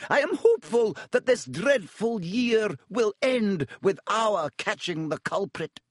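Male reader doing a strict old schoolmistress, high-pitched and clipped, formal and severe, in a dry storybook read. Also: very animated, a little slow, no echo, heavily acted. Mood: stern. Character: stern strict older female professor.

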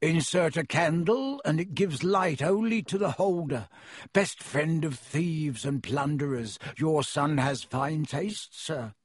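A man's voice: on the high side, expressive, slow, breathy edge, no echo, clean studio sound, exaggerated voice. Man doing oily, fawning shopkeeper Borgin. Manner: oily, obsequious. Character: oily, fawning male shopkeeper of dark objects.

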